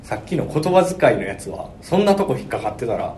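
Kansai guy talking fast on a web radio show, jumpy pitch, faint hiss. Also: big pitch swings, darkish tone. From Kansai, Japan. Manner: teasing, quick back-and-forth. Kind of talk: casual chat.

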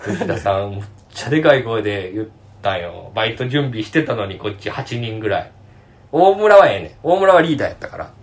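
A man in his thirties with a Kansai accent, telling stories in a casual podcast chat, animated and laughing often. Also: on the low side, quick pace. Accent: Kansai Japanese. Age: 30s. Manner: animated storyteller, laughs often, acts out coworkers' voices. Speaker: podcast co-host.

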